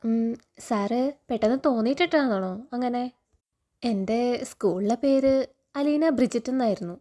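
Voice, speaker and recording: A woman reading the lines of a timid young woman from an orphanage, in a soft, hesitant way. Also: a little high, normal speed, close to an everyday voice.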